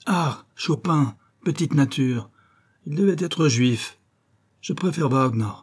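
A man's voice: a little high, lively intonation, slow pace, slightly rough, voice pushed up, full character voice. A man voicing a cold, arrogant young male SS officer who barks orders with icy contempt in an audiobook reading. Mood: mocking.

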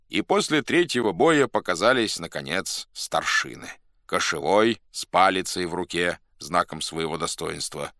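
Bright-voiced theatrical male narrator. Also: deep voice, no room sound, clean studio sound. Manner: expressive, theatrical reading. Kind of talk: scripted audiobook narration.

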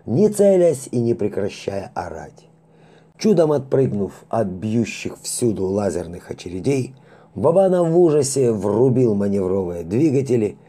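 A man narrating a science fiction audiobook in a lively storytelling manner, acting out the characters. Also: lowish voice, slightly rough.

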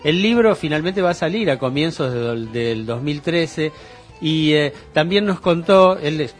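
A man's voice: fairly high pitch, lively intonation, unhurried, faint music behind. Chatty older man on radio. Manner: conversational, hesitant fillers. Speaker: radio co-host. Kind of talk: casual radio chat.

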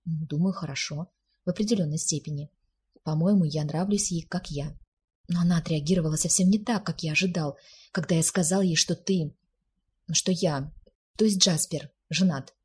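A woman with a very breathy voice reading the part of a flustered, sulky young man who grumbles defensively. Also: deep voice, moderate pace, a little mellow. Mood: glum.

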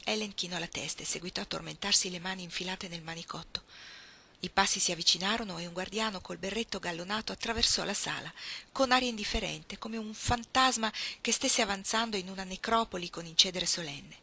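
A woman reading a classic novel aloud as an audiobook, measured and expressive. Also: mid-range voice, vocal fry. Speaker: reader.

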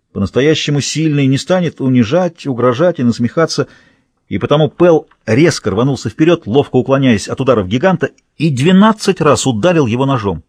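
Brief: male audiobook reader, measured thriller narration, husky tone, dry studio sound. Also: medium pitch, no echo.

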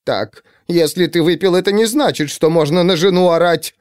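Pitched above his natural voice but still sounding natural, a man plays an anxious, demanding middle-aged wife who worries and scolds. His fairly high delivery is expressive and normally paced, and the mood is scolding. The studio-quality recording has no room sound.

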